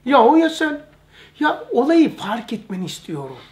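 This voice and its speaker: High-voiced man teaching a religious lesson. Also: big pitch swings, moderate pace, darkish tone, slight background noise. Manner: emphatic and repetitive, addresses listeners as brother.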